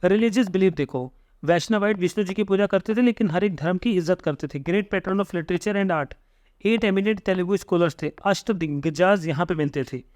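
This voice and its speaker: A young man teaching an exam-prep history lesson, reading notes slowly, then explaining them quickly and stumbling over hard names. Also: high-pitched, darkish tone, no room sound, studio quality. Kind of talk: lecture reading notes aloud, explaining in mixed Hindi and English.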